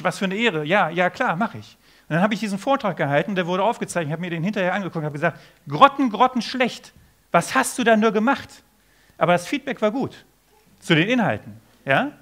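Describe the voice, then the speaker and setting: A man in his forties giving a keynote talk on a conference stage, telling stories and acting out quoted dialogue. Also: sits high. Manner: animated storytelling, acts out quoted dialogue. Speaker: keynote speaker.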